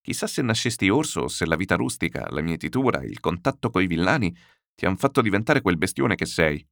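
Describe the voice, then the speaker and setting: A man voicing a scheming, fussy gentleman who talks in a sharp, wheedling way. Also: low voice, sing-song, brisk, creaky, no room sound, clean studio sound, exaggerated voice. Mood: scornful. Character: scheming, fussy male gentleman buyer, wary and sly.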